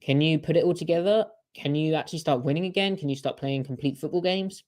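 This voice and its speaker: A man's voice: a little high, fast talker, darkish tone. A man co-hosting a podcast in casual sports chat, talking in a chatty way with strings of rhetorical questions. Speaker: podcast co-host.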